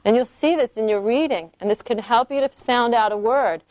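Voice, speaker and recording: A woman's voice: a little high, brisk, darkish tone, no room sound. A woman teaching a small group of children to read in a classroom, patiently asking questions and checking they follow. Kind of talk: classroom phonics lesson.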